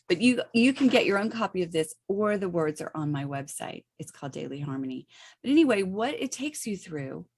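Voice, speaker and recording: A middle-aged woman explaining a spiritual meditation practice in a loose, chatty way, often checking in with "okay" and "right". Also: fairly low pitch. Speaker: spiritual teacher.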